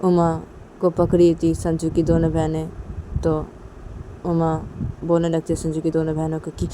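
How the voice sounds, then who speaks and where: A woman's voice: low voice, completely flat delivery, normal speed, mellow, a little hiss or hum. A woman narrating a homemade story in a casual, matter-of-fact way.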